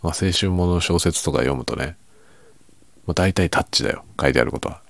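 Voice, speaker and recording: A man chatting casually and quietly by himself late at night, musing and giving his opinions in a low-key way with softened sentence endings. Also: a little fast, vocal fry, no echo. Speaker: writer chatting as host.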